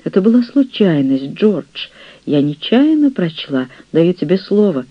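A man reading an audiobook, voicing an older, jealous and scheming nurse, a widow, in a shrill, reproachful way. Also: sing-song, measured pace, dry recording, dull audio, heavily acted. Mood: flustered.

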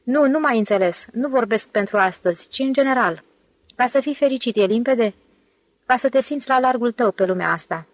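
A woman's voice: a little high, expressive, no room sound. A woman voicing a suave, smug male con man who speaks in a lofty, condescending way. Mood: boastful. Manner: lofty, self-assured, condescending.

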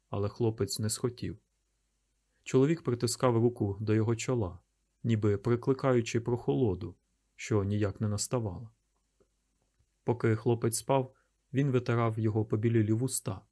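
A man reading a novel aloud in calm, measured audiobook narration. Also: mid-range voice.

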